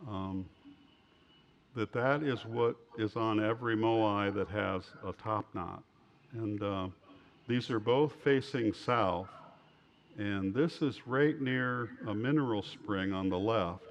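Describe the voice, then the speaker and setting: This is an author, a man, talking through slides in a loose, informal lecture, halting and wandering as he goes. The audio is muffled with slight background noise, and his pitch is on the low side.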